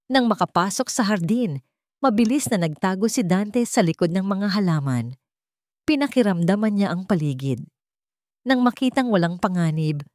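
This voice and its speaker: A woman with a Filipino accent narrates a dramatic story from a script. Her medium-pitched voice is a little mellow, captured in clean studio sound with no echo.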